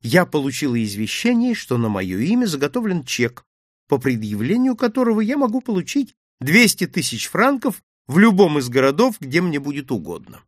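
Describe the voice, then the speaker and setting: A man's voice: fairly high pitch, huge pitch swings, normal speed, no room sound, studio quality. A man voicing a young woman who is anxious and insistent, reading her lines in a lightly raised voice for an audiobook. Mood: earnest.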